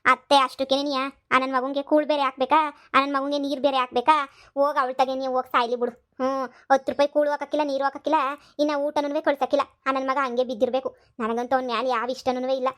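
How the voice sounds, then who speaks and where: A woman's voice: little pitch movement, quick pace, lightly acted. Woman doing a sweet-talking young village maid. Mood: coaxing. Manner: high-pitched, coaxing and wheedling. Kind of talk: cartoon comedy voice acting.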